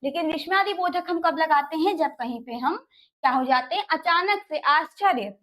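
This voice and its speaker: A woman's voice: high-pitched, normal speed, fairly bright tone. A woman teaching an exam-preparation class, talking through multiple-choice questions and answering her own rhetorical questions. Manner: keeps asking rhetorical questions and answering them, "ठीक है" fillers. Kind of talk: exam-prep class, solving MCQs.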